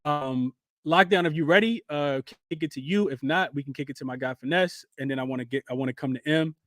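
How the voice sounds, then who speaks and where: A man's voice: fairly high pitch, brisk, a bit bright, no room sound, studio quality. A man hosting a casual betting chat, using loose slang and handing the floor to guests. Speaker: host. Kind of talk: casual hosting of a live audio room.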